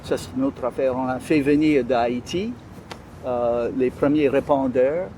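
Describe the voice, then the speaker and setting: A man speaks with a Louisiana French accent in a conversational interview. He is hesitant, often searching for the right word, at an ordinary pitch. There is clear outdoor urban noise behind him. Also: unhurried, warm tone. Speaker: interview guest.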